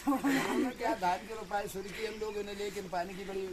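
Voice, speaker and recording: A man's voice: high-pitched, normal speed, crowd noise. An older man, a village farmer, complaining insistently outdoors by his fields about a broken canal. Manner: complaining, insistent, grows heated. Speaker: local farmer interviewed.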